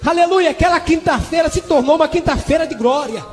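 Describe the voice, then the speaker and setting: A man's voice: very high-pitched, fast talker. A man giving a fervent testimony sermon in a sing-song preaching manner, with bursts of praise. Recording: long hall reverb with music behind.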